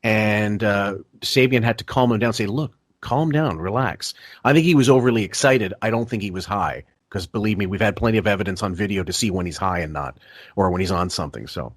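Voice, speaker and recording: A man hosting a casual podcast discussion, blunt and profane, talking in rushing restarts. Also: lowish voice, no room sound, studio quality. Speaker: podcast host.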